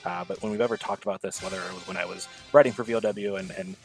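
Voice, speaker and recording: Male guest, 30s, casual rambler full of "um"s, deep voice. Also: very animated, fast, creaky, faint music behind, rough recording. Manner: rambling, many fillers and restarts. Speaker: podcast guest. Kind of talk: casual chat.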